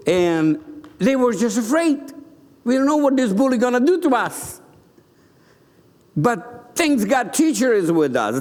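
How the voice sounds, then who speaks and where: Animated male preacher in a reverberant church. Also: sits high. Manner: animated, acting out the scene. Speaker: bishop preaching. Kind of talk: sermon. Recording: long hall reverb.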